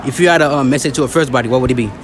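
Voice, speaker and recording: A man's voice: medium pitch, rapid-fire, a little hiss or hum. A young man hosting a slangy street interview in a shopping mall, asking passers-by questions. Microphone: handheld mic.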